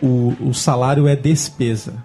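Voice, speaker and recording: A man's voice: mid-range voice, fairly even intonation, unhurried, warm tone, husky, soft background music. A man with a Brazilian Portuguese accent in a casual podcast discussion, explaining in slangy, emphatic style and acting out dialogue.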